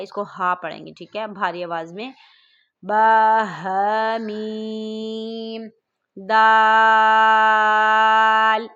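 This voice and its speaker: Smooth-voiced woman teaching letter recitation. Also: medium pitch, a bit bright, lo-fi sound. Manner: slow drawn-out letter recitation between plain explanations. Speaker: Quran teacher. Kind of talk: online recitation lesson.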